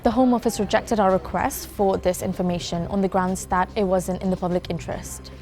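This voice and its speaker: A woman's voice: mid-range voice, steady tone, fairly quick, a little mellow. A woman delivering scripted news narration as a reporter.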